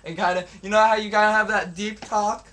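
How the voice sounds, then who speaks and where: A young man joking around loudly with friends while filming a webcam video at an indoor sleepover. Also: high-pitched, flat delivery, a little fast. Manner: brash, joking, puts on silly quoted voices. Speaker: vlogger. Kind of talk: joking group chat.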